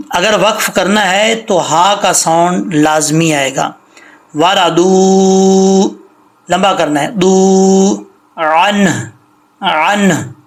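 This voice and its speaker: A man whose voice sits on the high side and sounds a bit bright teaches Quran recitation. He patiently sounds out words letter by letter, draws out the recitation slowly, and points out common mistakes.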